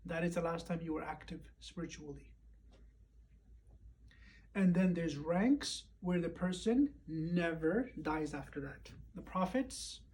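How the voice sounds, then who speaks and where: A man with a hoarse, tired voice gives a relaxed recap of a religious lecture at home. His tone is mellow and warm. He speaks at an unhurried pace, pausing often and using fillers, and faint noise hums behind him. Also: sits high. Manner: unhurried and reflective, with frequent pauses and fillers. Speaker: imam recapping a Friday lecture. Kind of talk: casual spoken recap.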